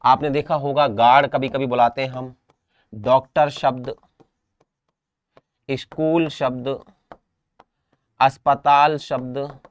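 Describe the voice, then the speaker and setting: A man's voice: mid-range voice, steady tone, slow, long pauses, muffled recording. A young man from India with a Rajasthan Hindi accent, teaching an exam-prep class, repeating words and checking understanding. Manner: repetitive, drills each word, checks understanding.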